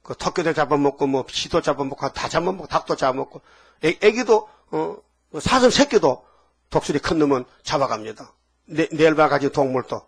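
A man preaching a sermon, emphatic, firing rhetorical questions at the congregation and swinging between loud and low. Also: animated, a little fast, husky. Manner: emphatic, asks the congregation to repeat after him. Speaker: pastor.

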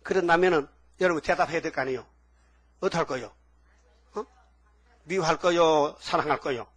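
High-voiced Korean pastor preaching animatedly. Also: male voice, a little fast. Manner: animated preaching, frequent rhetorical questions to congregation. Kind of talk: sermon.

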